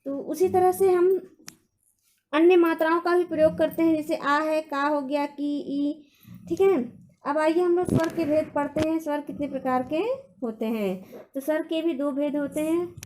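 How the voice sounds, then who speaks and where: A woman's voice: sits high, fairly even intonation, moderate pace, a little mellow, a little hiss or hum. A woman teaching a Hindi grammar lesson to children, patiently repeating points and asking questions of the class.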